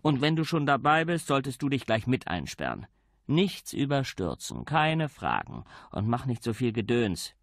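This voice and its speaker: A man's voice: medium pitch, wildly swooping pitch, normal speed. A man reading an audiobook, voicing a middle-aged police commander who speaks dryly and sternly. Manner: dry, stern, lecturing. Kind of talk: audiobook character voice.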